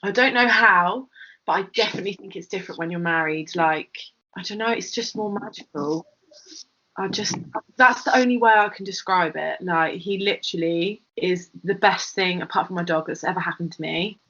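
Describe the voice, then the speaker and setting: A woman's voice: lowish voice, normal speed, sharp tone. Gushing young Englishwoman, dull lo-fi mic. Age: young adult. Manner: gushing and affectionate, searching for words. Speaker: podcast co-host. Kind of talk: casual chat. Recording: muffled lo-fi podcast audio.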